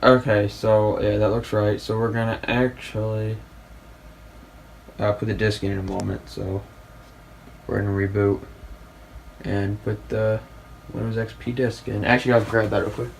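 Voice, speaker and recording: A man's voice: on the low side, flat delivery, normal speed, gravelly, long pauses. Man, casual tech commentary, hesitant and rambling, noisy recording. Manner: rambling, hesitant, thinking aloud. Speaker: tech hobbyist host. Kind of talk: casual commentary while unboxing and building a PC.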